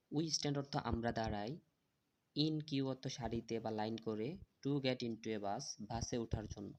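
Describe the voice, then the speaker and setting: A male teacher spells English words out one letter at a time for young pupils. He then gives the meaning of each word. His pitch sits in the middle range, and a faint hiss lies under his voice. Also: darkish tone. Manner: slow letter-by-letter spelling with translations. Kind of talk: spelling out and translating English for children.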